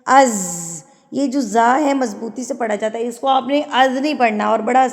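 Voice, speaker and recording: High-voiced woman teaching tajweed recitation. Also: fairly even intonation, in a large hall. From Pakistan. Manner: slow measured recitation, then fast explanatory talk. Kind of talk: tajweed lesson alternating recitation and explanation.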